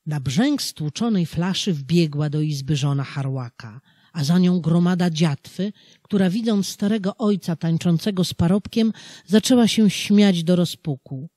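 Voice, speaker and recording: A narrator reading an old folk tale aloud for an audiobook, slow and expressive. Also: mid-range voice, no room sound, clean studio sound. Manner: expressive, animated storytelling. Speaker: audiobook reader.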